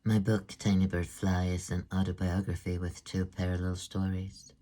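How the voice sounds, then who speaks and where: A middle-aged man presents his book as an author, reading in a measured, even way. His voice sits low and stays flat in its melody. The tone is dark and mellow. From Sweden. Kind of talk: read-aloud book presentation.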